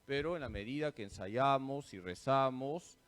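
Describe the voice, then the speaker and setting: A man's voice: medium pitch, normal speed. A priest giving a parish catechesis talk. He quizzes his listeners and answers himself, repeating the key points like a teacher.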